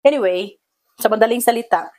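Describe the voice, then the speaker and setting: A Filipino-accented woman tells a dream story in a loose, casual vlog. She fills her talk with fillers and drifts into English phrases, and her pitch jumps up when she acts out her own quoted lines. Soft clinks of dishes and cutlery sit faintly behind her. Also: brisk, background noise. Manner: many fillers and code-switching into English phrases. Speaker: vlogger.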